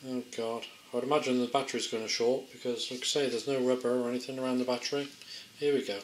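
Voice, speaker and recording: Speaking fast at medium pitch with a steady tone, a man casually demos a gadget as an amateur product tester. His unscripted commentary is hesitant and understated, as if thinking aloud. Faint background noise, clicks and a roomy echo are audible.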